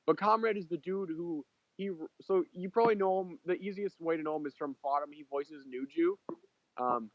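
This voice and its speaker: A man with a hoarse, sick voice, co-hosting a casual podcast chat and eagerly talking over others. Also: a little high, moderate pace, dry recording. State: hoarse from illness. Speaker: podcast co-host. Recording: muffled lo-fi mic.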